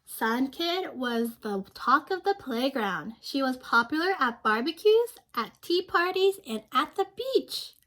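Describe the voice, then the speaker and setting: A young woman with a high voice reads a children's picture book aloud at a very slow pace, pausing to ask her young listeners questions and explain things simply. Her delivery is very animated and slightly bright.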